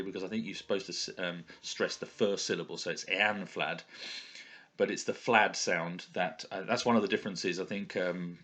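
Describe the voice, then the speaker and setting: A man giving an informal explanatory talk as an author going through pronunciations, in a hesitant, halting manner as if thinking aloud. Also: sits low, fairly bright tone.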